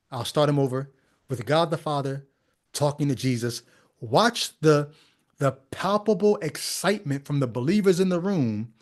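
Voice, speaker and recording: A man's voice: a little high, a little mellow. Wry man commenting with sarcastic asides. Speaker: podcast host. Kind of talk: casual commentary.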